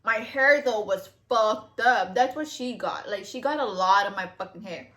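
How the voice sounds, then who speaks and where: A woman's voice: mid-range voice, moderate pace, pushed and bright. A woman telling a long story to her viewers in casual chat, rambling with lots of fillers and cursing freely. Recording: echoey room.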